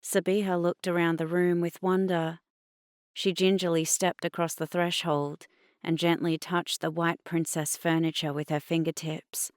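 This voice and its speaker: A woman with an Australian accent reading a novel aloud in steady, even scripted narration. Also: fairly low pitch, normal speed, dry recording, studio quality. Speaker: audiobook narrator.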